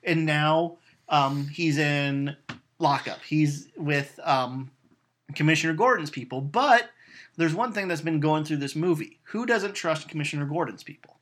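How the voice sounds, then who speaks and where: A man chatting casually as he retells a film's plot in an animated way, with lots of um fillers and acted-out lines of dialogue. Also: on the high side, unhurried, a little hiss or hum. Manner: animated storytelling, acting out quotes, frequent "um" fillers. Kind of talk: casual chat retelling a film.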